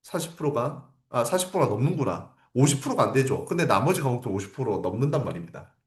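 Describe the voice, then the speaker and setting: A man's voice: mid-range voice, sing-song, quick pace, roomy sound. A man teaching parents in a livestream lecture, often asking rhetorical questions and repeating his key points for emphasis. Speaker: academy teacher.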